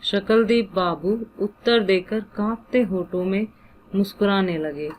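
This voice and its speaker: A woman reading a literary short story aloud in a measured, deliberate way. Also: mid-range voice, a little mellow, slight background noise, rough recording.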